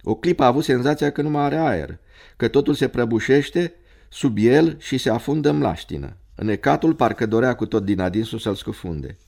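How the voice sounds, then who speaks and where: A man narrating a story in a measured, dramatic reading. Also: medium pitch, expressive, vocal fry, darkish tone.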